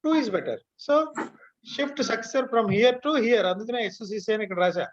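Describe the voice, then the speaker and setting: A man's voice: high-pitched, expressive, rapid-fire. A man with a Telugu Indian accent teaching an online class step by step, mixing Telugu and English and often checking that students follow. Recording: dull, lo-fi online class audio.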